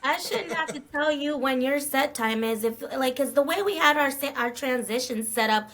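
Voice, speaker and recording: A middle-aged woman promoter chats about running her events, her voice sitting a touch high. She is blunt, swears without pause and acts out both sides of the argument as she tells it. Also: a bit bright. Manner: blunt, swearing, tells stories with quoted dialogue. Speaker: festival promoter guest. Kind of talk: casual interview chat.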